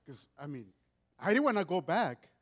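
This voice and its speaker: A middle-aged man with a Mexican accent, whose first language is Spanish, gives his testimony as a guest speaker in church. His loud voice sits high for a man, and he speaks earnestly, often restarting sentences, over heavy background noise.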